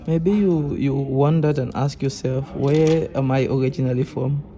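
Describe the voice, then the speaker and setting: A man with a Cameroonian accent, a repair technician talking calmly as he works, often restarting his sentences. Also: medium pitch, moderate pace, a little hiss or hum, rough recording. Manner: calm, explaining as he works, with frequent restarts. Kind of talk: casual workshop vlog talk.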